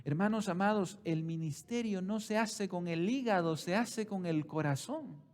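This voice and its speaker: A pastor preaching with a high-pitched male voice. He puts questions to his congregation and calls them brothers. He drops to slow, quiet lines, then rises loud and high. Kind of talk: sermon.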